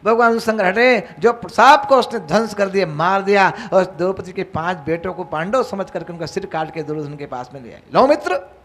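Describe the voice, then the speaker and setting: A man's voice: sits high, brisk, hardly any pauses, a bit bright. A man recounting scripture as a devotional storyteller, dramatic and rising and falling in force. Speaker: religious storyteller.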